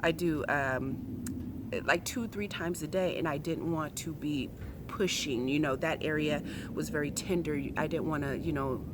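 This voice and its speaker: Her voice is low-pitched and moderately paced, with background noise around it. This vlogger in her forties talks directly to viewers in a casual personal video, chatty, frank and emphatic.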